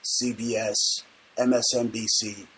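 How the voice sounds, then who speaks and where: A male talk show host putting on an airline captain making a slow, measured cabin announcement. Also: on the low side, little pitch movement, fairly bright tone, a little hiss or hum, pitched below the performer's own voice, rough recording. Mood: mock-solemn.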